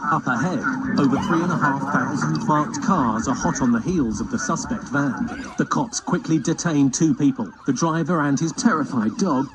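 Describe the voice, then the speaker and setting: A man narrating a parody police documentary in a deadpan, scripted manner. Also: on the high side, normal speed, noisy background. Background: loud background music.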